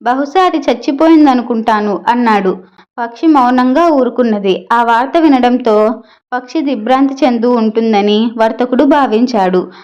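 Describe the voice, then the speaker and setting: A woman narrating a children's moral story in a steady, clear storytelling manner. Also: a little high, muffled recording.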